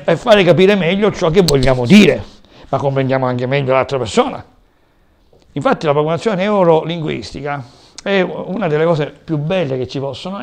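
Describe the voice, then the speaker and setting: A man's voice: on the high side, gravelly. A man lecturing a class on communication, explaining term after term with frequent hesitations.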